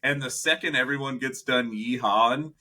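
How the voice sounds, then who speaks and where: A young man co-hosting a podcast, telling animated stories in casual chat, laughing often and acting out what people said. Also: mid-range voice, moderate pace. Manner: animated storyteller, laughs often, acts out quotes. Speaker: podcast co-host.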